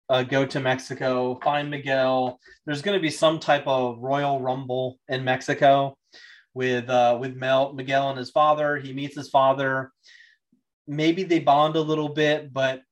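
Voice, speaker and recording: Man, casual vlog talk, thinking aloud, hesitant, lots of ums and restarts, mid-pitched voice. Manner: rambling, hesitant, many fillers and restarts. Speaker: YouTuber reviewing a TV series. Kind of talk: casual spoken vlog commentary.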